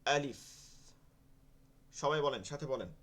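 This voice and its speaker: A man teaching an online Quran reading class, explaining step by step and having students repeat each letter sound while he gently corrects them. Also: a little high, expressive, normal speed. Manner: conversational, gently correcting pronunciation.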